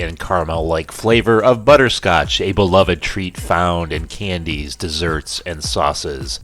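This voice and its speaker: Low-voiced man reading daily facts. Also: a bit bright. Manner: informal and jokey, swears offhand. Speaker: host. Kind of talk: casual read-out of daily observances.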